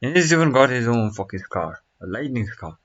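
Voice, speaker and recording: A man's voice: medium pitch, sing-song, a little fast. A young man streaming, chatting casually and reacting to a video in a rambling, slangy way full of fillers. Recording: dull lo-fi mic.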